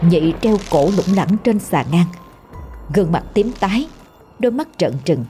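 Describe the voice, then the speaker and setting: A woman with a Southern Vietnamese accent narrating a scripted horror story in a steady, somber way. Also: on the low side.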